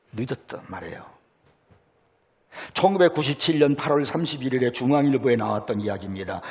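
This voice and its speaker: A male pastor preaching a sermon, telling stories dramatically and acting out the voices he quotes, with sudden swings between loud and soft. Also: mid-range voice, gravelly. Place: church sanctuary. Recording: long hall reverb.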